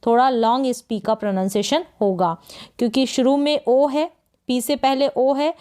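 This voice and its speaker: A woman from India teaching English pronunciation in Hindi, spelling words out letter by letter and repeating them slowly with question prompts. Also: a little high, darkish tone, clean tone. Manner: slow, drilling repetition with "what is it?" prompts.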